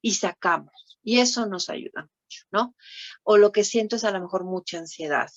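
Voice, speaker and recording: A woman's voice: mid-range voice, normal speed, no echo. A woman with a Mexican Spanish accent giving a conference talk on thanatology. She keeps asking the audience tag questions as she teaches. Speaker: thanatology lecturer. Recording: dull lo-fi sound, dry room.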